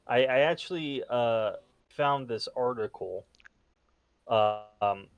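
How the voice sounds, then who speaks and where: A man's voice: mid-range voice, takes it slowly, clean tone, no room sound, muffled recording. A man co-hosting a podcast in casual chat, rambling as he reads his notes aloud. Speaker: podcast co-host.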